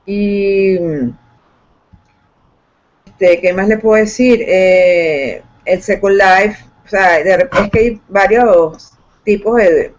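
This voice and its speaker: A woman's voice: medium pitch, slow. Hesitant woman teacher on a lo-fi call. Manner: hesitant, many fillers and restarts. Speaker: computer science teacher. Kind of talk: online class presentation. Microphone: video call microphone. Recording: dull lo-fi call audio.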